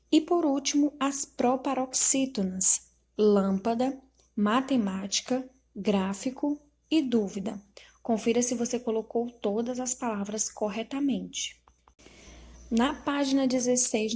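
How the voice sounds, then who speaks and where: Woman teacher going thru the answers slow, kinda husky, highish voice. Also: warm tone. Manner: slow, explanatory, spells out syllables. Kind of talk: reading and correcting school exercises.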